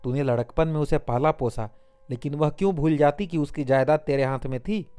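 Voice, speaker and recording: A man's voice: fairly high pitch, fairly quick, dark tone, clean tone, faint music behind, close to an everyday voice. Man doing an officious village clerk. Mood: lecturing. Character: middle-aged village record keeper, officious.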